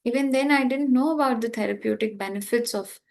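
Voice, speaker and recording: A young woman with an Indian English accent, sharing a personal story in a spiritual talk, animated and laughing often. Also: a little high, fairly quick, gravelly. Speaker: spiritual trainer.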